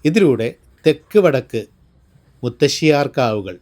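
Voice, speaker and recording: A man from Kerala with a Kerala accent narrates a descriptive vlog in a reflective, measured way, phrase by phrase. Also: mid-range voice, lively intonation, darkish tone. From Palakkad district, Kerala, India. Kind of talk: descriptive vlog narration of local temple customs. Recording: voice-over with music behind. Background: music.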